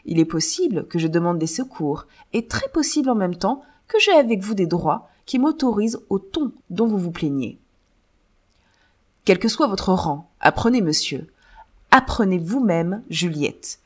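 Woman reading a broke old dad begging his daughter, lowish voice, lots of swing in it. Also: sing-song, moderate pace. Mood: pleading. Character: impoverished older man claiming fatherhood, insistent.

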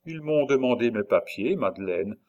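A man reading aloud, voicing a weary, wrongly accused man who speaks softly and with resignation. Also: mid-range voice, lively intonation, normal speed, lo-fi sound, lightly acted. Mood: resigned. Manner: soft, subdued and resigned. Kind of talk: audiobook reading.

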